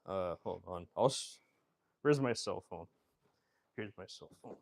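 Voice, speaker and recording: A low-pitched, creaky male voice belongs to a fashion designer streamer who talks a little slowly. He casually rambles while replying to viewer comments, full of fillers and restarts, in a dry recording.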